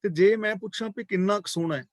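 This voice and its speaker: A man teaching a scripture class, chanting verses slowly and then explaining them in a calm, measured way, repeating key words for emphasis. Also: high-pitched, no room sound, clean studio sound.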